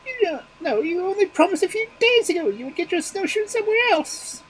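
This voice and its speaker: A man doing a frantic little magpie from a fairy-tale book, her voice squeezed high and trembling. She begs and quavers, and her tone leaps all over the place. A faint hum sits behind her. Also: big pitch swings, a little fast, a bit bright, full character voice, poor audio. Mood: pleading. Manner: shrill, quavering, imploring. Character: anxious, pleading mother magpie bird.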